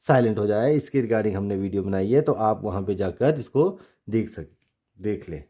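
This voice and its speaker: A man's voice: lowish voice, animated, moderate pace, warm tone. A man teaching pronunciation step by step. He spells words out letter by letter and asks questions that he then answers himself. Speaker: English teacher.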